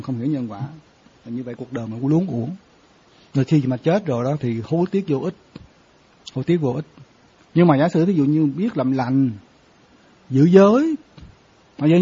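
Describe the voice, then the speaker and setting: A man's voice: on the high side, warm tone, husky. A man, a Buddhist monk giving a conversational dharma talk and often quizzing his listeners. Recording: dull lo-fi sound.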